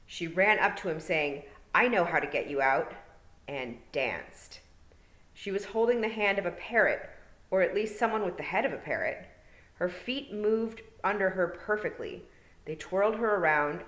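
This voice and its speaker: A woman teacher narrating a storybook aloud in a calm, measured way. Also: on the low side. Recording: roomy, echoey room.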